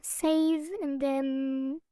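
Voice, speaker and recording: High-voiced woman muttering while coding. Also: flat delivery, extremely slow, dark tone, dry recording, studio quality. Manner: thinks aloud, muttering half-sentences. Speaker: game developer streaming. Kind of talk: casual livestream while coding.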